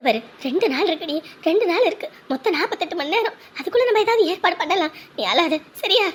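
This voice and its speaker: A woman's voice: very high-pitched, animated, fast. An actress playing a weary middle-aged mother who scolds and comforts her indebted grown daughter in a family drama. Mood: soothing. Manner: scolding, then soothing. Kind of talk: family web drama acting.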